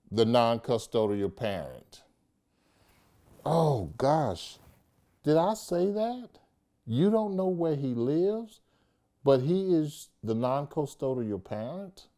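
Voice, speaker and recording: A man's voice: medium pitch, darkish tone. A man working as a judge, hosting a legal vodcast, explaining things with emphasis and playful asides, slipping into casual speech. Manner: emphatic, playful, lapses into informal speech and mock dialogue. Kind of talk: animated explanatory talk.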